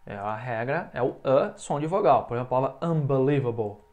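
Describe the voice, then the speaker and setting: A man with a middle-pitched voice teaches an English lesson, talking through a grammar rule in a relaxed, conversational way. He drops in quick check-ins with the learner and then slows down to say each example word carefully for them to repeat. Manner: explains in Portuguese, then says English words slowly for the learner to repeat; checks in often with quick casual asides. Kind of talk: recorded online language lesson.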